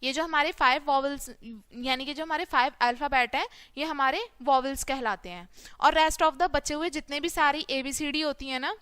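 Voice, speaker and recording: High, bright-voiced woman teaching phonics. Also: no echo. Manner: asks questions and answers them herself, drawn-out letter sounds. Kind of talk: children's phonics lesson.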